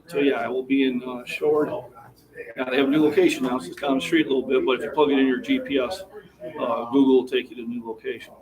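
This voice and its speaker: A man's voice: medium pitch, level tone, fast talker, a crowd in the background. A man in his sixties hosting a gym livestream, chatting to viewers while he catches his breath between lifts. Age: 60s. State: slightly out of breath. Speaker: fitness livestream host. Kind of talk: casual chat to a live chat between lifts. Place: gym, indoors. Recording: distant mic with faint room noise.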